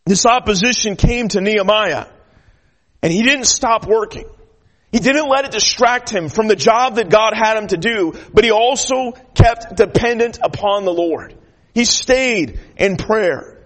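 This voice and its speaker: A man's voice: sits high, a little slow, fairly bright tone. A man preaching a sermon as a traveling preacher, earnest, restarting often and building to emphatic declarations. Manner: shy by nature.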